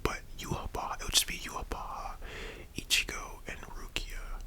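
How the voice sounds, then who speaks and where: Soft whispery asmr host, breathy and unvoiced, chatting casually and thinking out loud. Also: moderate pace. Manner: casual, musing, slangy.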